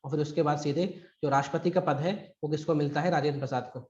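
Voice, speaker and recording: A man's voice: fairly high pitch, steady tone, fast, darkish tone, dull audio. Emphatic man teaching over an echoey call. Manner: conversational and emphatic, acts out quotes. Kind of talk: live online exam-prep history lecture. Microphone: recorded through a video call.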